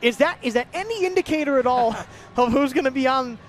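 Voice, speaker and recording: A man calling a celebrity softball game and home run derby live as play-by-play announcer, with lively calls and chatty asides. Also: very high-pitched, brisk, slight background noise. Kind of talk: live sports commentary.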